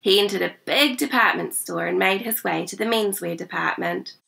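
A woman reading a picture book aloud for children, cheerful and clear. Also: medium pitch, moderate pace, sharp tone. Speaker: children's storyteller.

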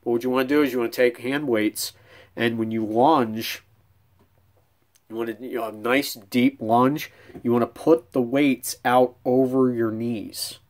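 A man's voice: mid-range voice, fairly even intonation, a little slow, darkish tone. A middle-aged man giving casual bowling fitness tips in a small room at home, talking with frequent ums and restarts. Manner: conversational, many restarts and ums, demonstrating with hands. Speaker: bowling coach. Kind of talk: casual instructional vlog.

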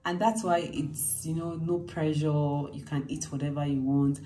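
Here the vlogger, a young adult woman with a Nigerian accent, speaks in a low, steady, dark-toned voice at a moderate pace, with faint music behind her. She chats casually and expressively to her phone, held at arm's length in an indoor hotel room, for her travel vlog.

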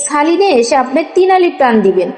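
A woman's voice: high-pitched, sing-song, a little fast, darkish tone. A woman teaching a Quran reading lesson, patiently spelling out letters and asking questions as she goes. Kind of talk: step-by-step recitation lesson. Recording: echoey room with long reverb.

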